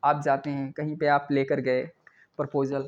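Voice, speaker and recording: A man's voice: medium pitch, completely flat delivery, moderate pace. Man teaching vocabulary, lo-fi. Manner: repeats words, frequent "thik hai" check-ins. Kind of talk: explaining English words in Hindi.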